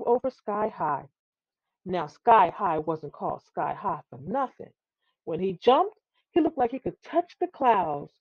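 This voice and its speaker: A woman with a slightly high voice reads a children's tall tale aloud as a storybook reader, expressive but stumbling over some words. The audio is dull and has no room sound.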